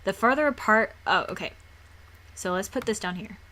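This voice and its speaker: Rambling woman explaining software. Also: mid-range voice, moderate pace, slight background noise. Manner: rambling, restarts and repeats words often. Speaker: tutorial maker. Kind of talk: casual screen-recorded tutorial.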